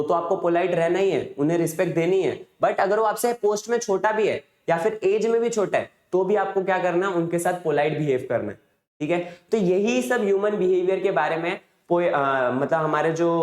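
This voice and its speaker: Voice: mid-range voice, moderate pace, a little mellow. A teacher giving an exam revision lesson, retelling a chapter's story in a conversational way with frequent rhetorical questions. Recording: roomy echo.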